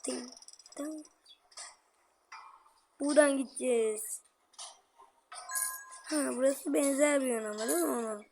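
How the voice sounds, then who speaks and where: A woman giving excitable let's-play commentary, talking straight to her viewers and grumbling at the game. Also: sits high, a little slow, pauses often, slight background noise. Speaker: gameplay commentator.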